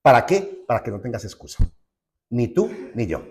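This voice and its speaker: A man's voice: mid-range voice, sing-song, moderate pace. Emphatic preaching pastor, man. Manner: emphatic preaching, swings between loud declarations and quiet asides; calls the congregation brother. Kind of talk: sermon.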